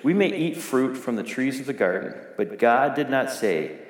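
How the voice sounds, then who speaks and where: A man's voice: medium pitch, expressive, moderate pace. A middle-aged man preaching a sermon as pastor, talking conversationally and putting questions to the congregation. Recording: echoey hall with long reverb.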